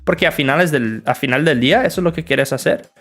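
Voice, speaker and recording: A young man from the northern United States with an American accent, hosting a relaxed livestream question-and-answer session as an English teacher, greeting viewers and explaining with examples. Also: fairly high pitch, quick pace, faint music behind. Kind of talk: livestream Q&A, bilingual.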